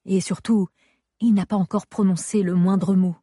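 A woman reading a first-person story aloud in an intimate, measured narration style. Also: medium pitch, fairly even intonation, mellow, breathy edge, dry recording, clean studio sound. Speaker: audiobook narrator.

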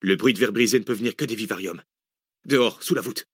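A man's voice: fairly low pitch, fast, a bit bright, husky, no room sound, studio quality. A man reading an audiobook and voicing a tense young male adventurer who gives clipped, urgent warnings.

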